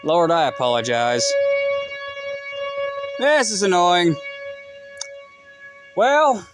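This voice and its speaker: Over music, a man talks extremely slowly in a casual phone vlog recorded outdoors on a rural delivery route. His delivery is rambling and profane, with lively swings in pitch.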